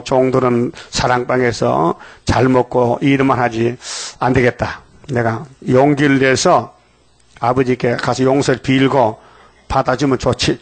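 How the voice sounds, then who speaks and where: An older man preaching a dawn revival sermon, telling a parable in a colloquial way and acting out the characters' dialogue. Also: medium pitch.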